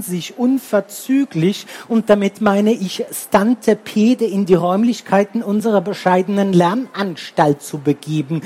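A man's voice: high voice, a little mellow, husky, pitched above the performer's own voice. A man voicing an exasperated woman teacher who speaks in stilted, pompous phrases for a children's audiobook. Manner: pompous, drawn-out formal phrasing.

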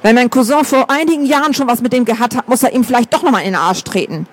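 A man's voice: very high voice, fast talker. A man voicing a catty, crude woman who gossips in an audiobook. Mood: gossipy. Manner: crude, mocking.

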